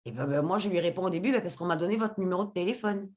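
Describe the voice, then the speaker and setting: A woman's voice: fairly low pitch, rapid-fire. A woman, a podcast guest, telling a personal story with feeling and acting out the conversations in it. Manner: expressive, re-enacts dialogue in her story.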